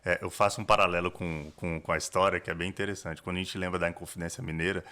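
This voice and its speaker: A man's voice: low-pitched, steady tone, fast, pushed and bright. A man with a Brazilian Portuguese accent, a corporate lawyer explaining estate planning step by step as a podcast guest, with frequent restarts. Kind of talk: explanatory interview talk.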